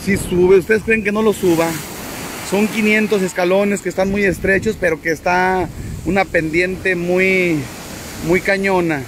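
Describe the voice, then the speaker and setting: A man live-streaming outdoors from a high spot by the sea, chatting and joking with his viewers and greeting them by name. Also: noisy background. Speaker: vlogger. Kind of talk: casual live stream from the seafront.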